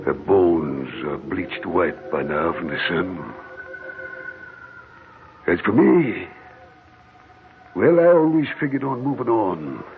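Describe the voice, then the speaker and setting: In an old radio horror drama, an actor plays a vengeful, murderous old gold miner with an American accent, sounding menacing and folksy, with rustic speech and drawn-out dramatic storytelling. He uses a full character voice that is male, low-pitched and creaky. The vintage recording is muffled and includes music.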